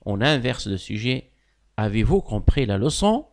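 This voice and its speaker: A male teacher explains grammar in a slow, deliberate way. His voice swings widely in pitch, and he punches key words with sudden loud lifts. He often praises the pupils' answers. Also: big pitch swings. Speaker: primary school French teacher. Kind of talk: classroom grammar lesson.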